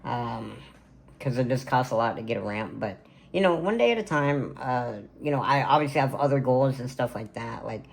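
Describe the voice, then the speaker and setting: A gravelly, expressive male voice of medium pitch moves at a normal pace. It belongs to a content creator in his twenties who rambles casually to camera during a birthday vlog shot indoors in his gaming room at home, dropping lots of fillers along the way.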